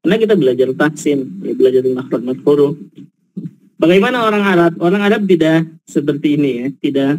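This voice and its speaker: A man's voice: on the high side, expressive, fairly quick, darkish tone, no echo, rough recording. A man from Indonesia teaching an Arabic class, explaining patiently with examples and checking whether his students follow.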